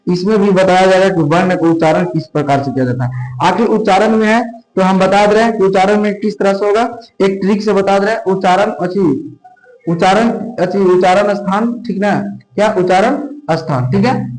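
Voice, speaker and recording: High-voiced man teaching in an echoey room. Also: fairly quick, darkish tone. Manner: repetitive call-and-response questioning. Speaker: Hindi grammar teacher. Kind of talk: classroom lecture. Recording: roomy echo.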